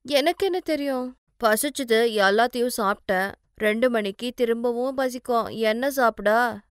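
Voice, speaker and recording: A woman's voice: fairly high pitch, moderate pace, clear, resonant tone, no room sound, studio quality, natural voice. A woman voicing a greedy young wife who whines and demands more food. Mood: sulky. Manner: loud, whining, insistent.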